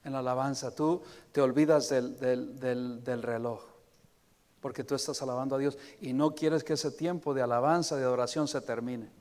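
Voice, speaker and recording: A man preaching a sermon as pastor, moving between emphatic exhortation and soft, prayerful words. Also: medium pitch, steady tone, moderate pace. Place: church sanctuary. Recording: long reverb of a church hall.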